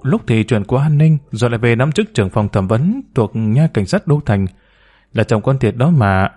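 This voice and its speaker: Male reader doing a meek, hesitant woman around forty, pleading and deferential, mellow voice. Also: medium pitch, close to an everyday voice. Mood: bitter. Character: timid humble woman about forty, former bar girl.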